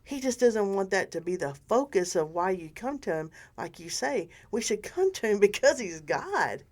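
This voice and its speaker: An older woman co-hosting a casual faith discussion, animated and rambling, often restarting her sentences. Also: mid-range voice, moderate pace. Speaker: podcast co-host.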